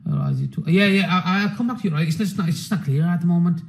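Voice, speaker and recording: A man's voice: high-pitched, quick pace, vocal fry, rough recording. A man giving an unscripted live trading session, blunt, profane and rambling, often breaking off to lecture his viewers combatively. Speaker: trading educator.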